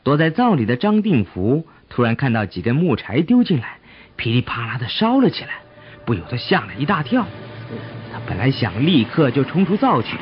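A man narrates a folk tale with an expressive, dramatic delivery and a lively, swinging pitch. The sound is muffled, with faint music underneath. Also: normal speed. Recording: dull audio with soft music.

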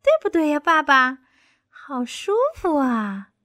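A woman voicing a clingy, sweet baby duckling in a high, drawn-out cooing voice. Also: lively intonation, pushed and bright, no echo, studio quality, full character voice. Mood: sweet pleading.

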